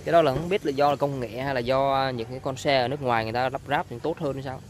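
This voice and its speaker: Man, used-car seller, informal walkaround, repetitive and hesitant, mid-pitched, faint street noise. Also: steady tone, racing. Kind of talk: informal sales walkaround narration. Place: outdoors on a street beside a car. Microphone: handheld camera, speaker behind it. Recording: outdoor ambient noise.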